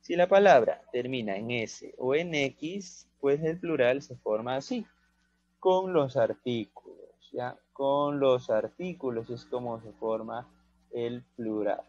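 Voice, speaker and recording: A man teaching a recorded grammar lesson to young pupils, speaking slowly and deliberately at a mid-range pitch. He explains step by step, with frequent tag questions to keep the children with him. The recording is dry and a little dull, as if captured close up in a small room. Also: darkish tone, no room sound. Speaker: primary school teacher.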